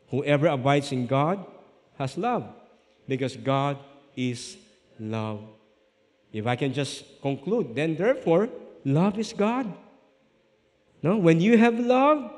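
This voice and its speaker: A man's voice: a little high, darkish tone. A middle-aged Filipino man preaching a sermon as a pastor, telling humorous stories and often checking with the congregation. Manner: humorous storytelling with frequent "no?" tags. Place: church sanctuary. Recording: echoey church hall.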